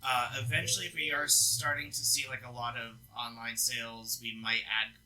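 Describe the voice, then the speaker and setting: A man's voice: mid-range voice, level tone, normal speed, bright, forceful tone, a little hiss or hum, rough recording. A young man, co-owner of a gaming lounge, talking casually about business plans, with loose chatty phrasing full of fillers and restarts. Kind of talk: casual business update chat.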